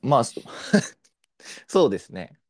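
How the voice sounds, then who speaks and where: Young Kansai man, very lively pitch. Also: slow. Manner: relaxed, polite and agreeable. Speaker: podcast co-host. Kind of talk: casual chat.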